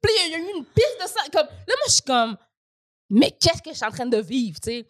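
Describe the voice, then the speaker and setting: A young woman with a Québécois French accent telling a story in casual chat, animated and full of fillers, acting out what people said. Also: sits high, fairly quick, dry recording, studio quality. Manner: animated, full of "genre" and "là" fillers, acts out quotes. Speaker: guest storyteller.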